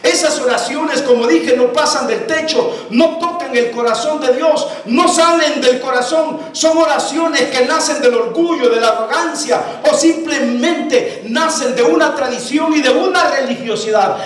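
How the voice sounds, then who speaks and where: A very high-pitched male pastor delivers an emphatic sermon, firing rhetorical questions at his congregation. The sound is swamped in heavy church echo. The mic sits well away from him. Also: measured pace, few pauses. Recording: very echoey church hall, mic far off.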